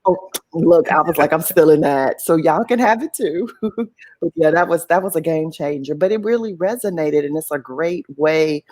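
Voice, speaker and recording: Low-voiced enthusiastic woman co-host. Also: normal speed, a little mellow. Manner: enthusiastic, laughs often. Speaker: show co-host. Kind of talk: casual podcast chat.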